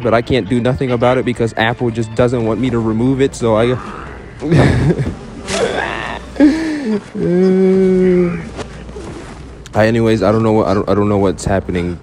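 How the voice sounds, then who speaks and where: A man's voice: medium pitch, steady tone, fast talker, few pauses, a little mellow, slight background noise. A young man giving rambling, joking commentary over a game, stammering often and swearing casually. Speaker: gaming YouTuber.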